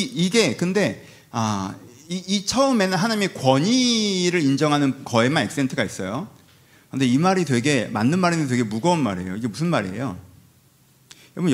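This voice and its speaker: A man preaching a sermon in a lively, conversational way, asking the congregation rhetorical questions and acting out quotes. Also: medium pitch. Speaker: pastor.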